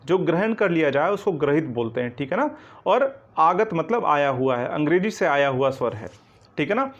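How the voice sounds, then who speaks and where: A man with a fairly high pitch teaches Hindi grammar online in a coaching lecture, moving step by step and checking in with "ठीक है ना". He asks the class questions and then answers them himself. The sound quality is dull and lo-fi.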